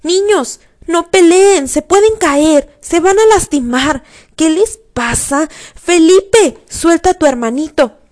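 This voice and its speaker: A woman voicing a frantic mother shouting at her two boys in a shrill voice. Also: slow pace. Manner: shrill, loud, alarmed.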